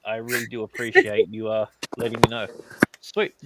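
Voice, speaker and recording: A man with an Australian accent hosting a live podcast, reading chat messages aloud and making crude, deadpan jokes. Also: lowish voice, normal speed, heavy background noise. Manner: crude joking, deadpan asides. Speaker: podcast host.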